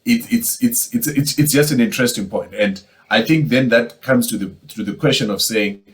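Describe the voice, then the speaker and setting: A man's voice: mid-range voice, moderate pace, low-quality recording. A man moderating a casual panel discussion, talking conversationally and acting out quoted exchanges.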